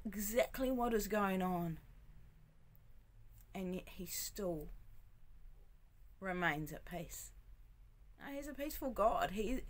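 A woman giving a casual devotional talk, gentle and reflective, often sinking to a soft near-whisper. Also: mid-range voice. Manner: many fillers and restarts, reflective.

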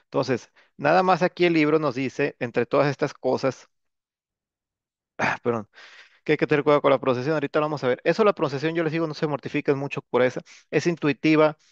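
A man's voice: on the high side, fast talker, no room sound. A man teaching an English grammar lesson in a casual classroom manner, often tagging his sentences with a questioning "no". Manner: casual, repeats filler "¿no?" and "este". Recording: dull, lo-fi dry recording.

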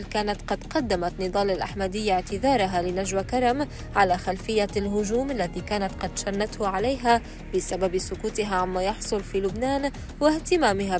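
A woman narrates scripted entertainment news in a mid-pitched voice. She reads at a quick pace over faint background music. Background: soft music.

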